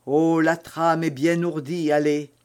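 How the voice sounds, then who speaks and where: Scheming captive noblewoman, as a man puts her on, high, pleading, slow and drawn out. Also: level tone, a little mellow, clear, resonant tone. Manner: pleading, theatrical. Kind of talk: audiobook reading.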